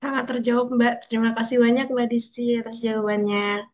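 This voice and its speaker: A woman's voice: a little high, little pitch movement, a little fast, darkish tone. A woman attending an online workshop who asks a long, hesitant, chatty question full of fillers. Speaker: workshop participant. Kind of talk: casual question in online class.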